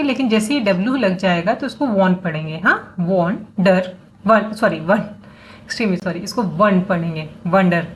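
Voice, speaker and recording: A woman with a mid-range voice teaches English phonics. She slowly sounds out letters and syllables, breaking off now and then to correct herself. A faint hiss of noise sits under her voice. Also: mid-range voice. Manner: breaks words into sounds, spells letters aloud, self-correcting. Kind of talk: classroom-style lesson explaining syllables.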